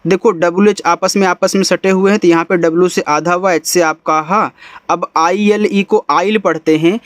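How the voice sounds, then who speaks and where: In a patient Hindi-language phonics lesson, a man teaches English reading by spelling each word letter by letter, sounding it out, and repeating it. His voice is high and steady, moving at a moderate pace in a dry recording.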